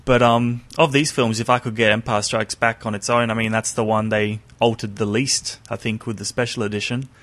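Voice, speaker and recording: A man with a fairly low voice talking casually about films. He wanders through side remarks and keeps correcting himself mid-sentence as he goes. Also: level tone, brisk, hardly any pauses, a bit bright. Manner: rambling, full of asides and self-corrections.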